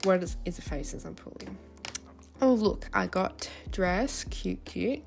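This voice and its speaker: A woman's voice: mid-range voice, takes it slowly, vocal fry. A young woman with a lisp and slushy s sounds, narrating her daily routine in a chatty, informal vlog voice-over. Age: young adult. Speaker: vlogger. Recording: background music. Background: music.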